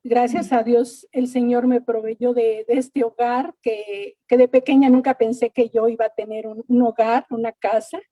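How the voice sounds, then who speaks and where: A woman's voice: a little high, level tone, moderate pace, few pauses, dark tone, no room sound. A middle-aged woman giving an earnest church testimony, often repeating words and thanking God. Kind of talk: personal faith testimony.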